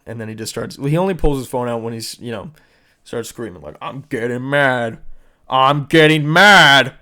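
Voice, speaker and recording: Guy doing a solo podcast, swears a lot, sarcastic and rambly, ordinary middle pitch. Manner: profane, sarcastic, rambling with fillers. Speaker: podcast host. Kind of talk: casual solo commentary on internet videos.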